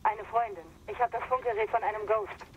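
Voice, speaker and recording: A brisk female ally over radio. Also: medium pitch. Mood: calm. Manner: brisk, steady instructions. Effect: radio transmission. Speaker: radio contact. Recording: muffled radio with faint hiss.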